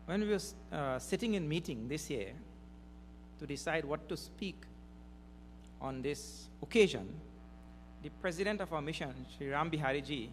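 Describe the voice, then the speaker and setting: A man giving a spiritual discourse at a mission gathering, slow and deliberate, stressing key words. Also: on the high side, lively intonation. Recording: reverberant hall with faint hum.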